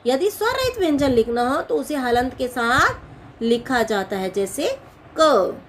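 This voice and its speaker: A woman with a high voice teaches grammar in a patient classroom manner. She poses questions and answers them herself, going over each point more than once. A faint hiss sits under the recording. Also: big pitch swings, unhurried. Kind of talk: classroom-style explanation.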